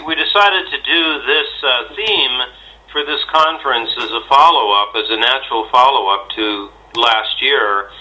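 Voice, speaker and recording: Guy answering interview questions, lots of ums and restarts, really bright sharp voice. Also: mid-range voice, low-quality recording. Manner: halting, many fillers and restarts, clears throat. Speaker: interviewee, shamanic astrology teacher.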